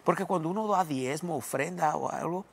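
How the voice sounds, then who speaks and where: Gravelly guy preaching a sermon, acts out the voices, kinda high-pitched. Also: fairly quick. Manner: animated, acts out inner voices, frequent repeated words. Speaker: pastor.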